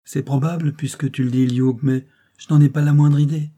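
A man reading the part of an elderly, forgetful mother who speaks gently and plaintively, higher than his narrating voice. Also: level tone, normal speed, muffled recording, close to an everyday voice.

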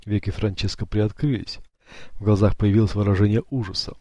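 A man narrating an audiobook in a steady, measured way. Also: lowish voice, no room sound. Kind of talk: scripted narration.

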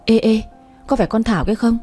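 A woman narrator voicing a brash, loud-mouthed young woman who teases and bosses her friend. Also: fairly high pitch, quick pace, faint music behind, close to an everyday voice. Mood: bossy teasing. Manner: crude, teasing, bossy.

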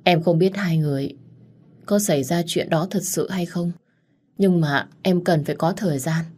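A woman voicing a torn young woman who speaks hesitantly, in a low voice. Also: normal speed, darkish tone, natural voice. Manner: hesitant, subdued.

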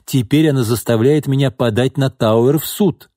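A man voicing a drunken, pushy middle-aged businessman in an audiobook, needling, bitter and rising into angry shouts. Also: mid-range voice, very animated, normal speed, slightly rough, no echo, clean studio sound. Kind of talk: audiobook character reading.

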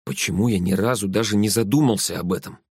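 A man with a low voice narrates a story in the first person. His reading is even and measured. The sound is dry and close. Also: husky, no echo. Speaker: audiobook reader.

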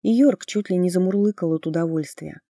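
A woman reading a fantasy audiobook in the first person, lively and expressive. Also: fairly low pitch, fast talker, no room sound, clean studio sound. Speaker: audiobook narrator.

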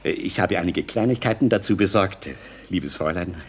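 A man's voice: deep voice, moderate pace, breathy edge. An actor playing a jovial, mischievous elderly father in a classic radio play. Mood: gallant. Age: older. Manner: teasing, playful, gallant. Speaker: visiting father.

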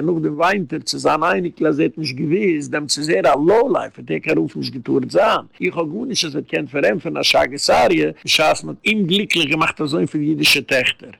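A rabbi delivers a rambling lecture in a heavily gravelly, fried voice that sits a little high for a man. He tells his stories haltingly, circling back and restarting often. The sound is close and dry, with no room echo. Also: a bit bright. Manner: halting, repetitive storytelling with many restarts.

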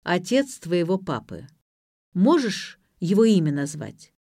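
A woman's voice: lowish voice, very animated, unhurried, warm tone, slightly rough, no echo, clean studio sound, exaggerated voice. A woman voicing a cold, demanding man speaking on the phone, curt and commanding.

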